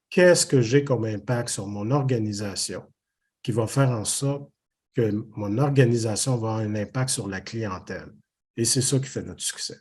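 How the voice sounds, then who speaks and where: An older man from Haiti with a Québécois French accent, a business owner talking earnestly and reflectively as an interview guest, pausing on fillers and restarting phrases. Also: mid-range voice, a little mellow, slightly rough. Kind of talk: casual interview conversation.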